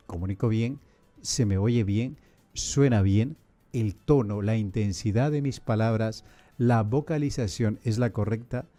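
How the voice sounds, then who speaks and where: A priest hosting a podcast, explaining in a didactic, measured way and asking many rhetorical questions. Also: male voice, lowish voice, mellow.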